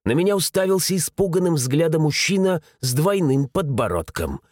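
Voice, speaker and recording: A man narrating a first-person adventure audiobook in an animated, dramatic reading. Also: on the high side, normal speed, no room sound, studio quality.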